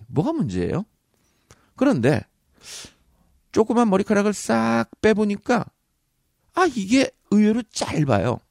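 A man's voice: mid-range voice, vocal fry, a little mellow, no room sound, clean studio sound. A man hosting a podcast speech-coaching segment, giving comic workplace advice in a playful, teasing way and acting out little scenes. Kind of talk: comedic advice monologue.

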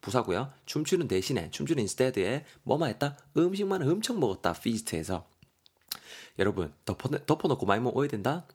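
A man's voice: mid-range voice, very animated, a little fast, darkish tone, husky. A man teaching English vocabulary on a podcast, friendly, spelling words letter by letter.

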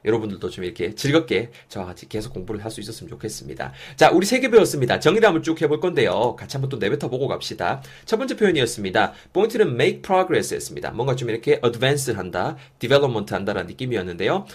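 A man's voice: mid-range voice, sing-song, fast, few pauses, slightly rough. A man teaching an online English lesson, encouraging listeners and coaching them to repeat phrases.

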